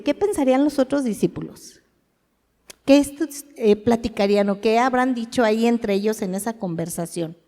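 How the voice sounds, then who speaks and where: A woman's voice: fairly high pitch, a little mellow. A woman preaching a sermon in a conversational way. She often asks her listeners questions and acts out short quoted lines. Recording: long hall reverb.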